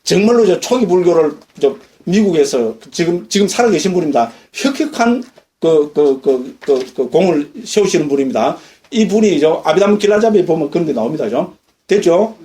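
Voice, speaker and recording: Monk, middle-aged man, high voice, mellow tone, lively lecture style. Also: moderate pace. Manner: lively, questions the audience often. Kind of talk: dharma lecture. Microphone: lecture recording.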